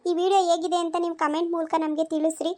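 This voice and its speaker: A woman's voice: very high voice, level tone, a little mellow. A woman closing her cartoon video and asking viewers to like, share and subscribe. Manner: quick, pleading. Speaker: cartoon channel creator. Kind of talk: channel outro asking for subscriptions.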